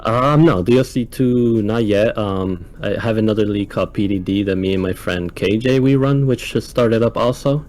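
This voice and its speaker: A young man from Ecuador, now living in the United States, talking calmly and casually as a guest in an interview. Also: on the low side, moderate pace, hardly any pauses, soft background music. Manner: calm, laid-back, soft-spoken with frequent laughs. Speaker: guest coach.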